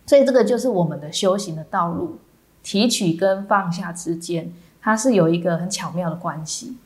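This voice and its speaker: Taiwanese-accented nun giving a measured dharma talk. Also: female voice, on the low side. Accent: Taiwanese Mandarin. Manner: measured, with many soft fillers.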